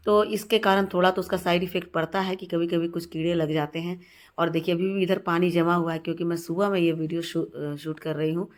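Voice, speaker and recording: A woman with a slightly low voice gives a casual gardening tutorial. A cold leaves her voice heavy and congested. She talks in a friendly, chatty way, repeats words and often stops on short fillers. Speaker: gardening channel host. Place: home terrace garden, outdoors.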